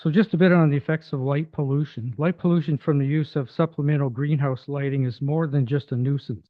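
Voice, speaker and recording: A hoarse man speaks at a council delegation table, stumbling over fillers and restarts as he reads from prepared notes. The sound is tinny and phone-like with a dry, close feel. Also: a little high, steady tone, brisk, dry recording. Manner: hesitant, many fillers and restarts. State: losing his voice. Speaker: resident delegate addressing council. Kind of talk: formal public delegation, partly read aloud. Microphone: table microphone.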